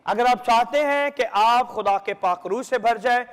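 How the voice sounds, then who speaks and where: A male pastor preaching a sermon, breaking his phrases with long pauses and at times praying fast in tongues. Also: very high-pitched. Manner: fast rhythmic speaking in tongues. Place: large church hall. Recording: long hall reverb.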